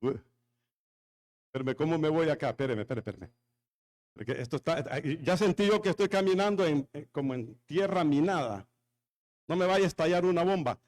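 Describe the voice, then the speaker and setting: A man's voice: a little high, expressive, normal speed, a little mellow. A man with a Honduran accent preaching a sermon, telling jokes and stories and calling out to the congregation. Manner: jokey, storytelling, talks with the congregation. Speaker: pastor.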